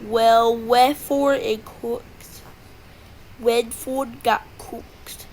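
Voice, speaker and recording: High-pitched woman casually commentating a game, noisy background. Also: steady tone, very slow, a little mellow. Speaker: gamer narrating own gameplay.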